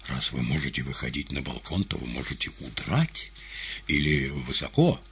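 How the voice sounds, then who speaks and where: A man voicing a blunt, brash young male poet who speaks in short, loud replies. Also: very deep voice, lively intonation, normal speed, breathy edge, heavily acted.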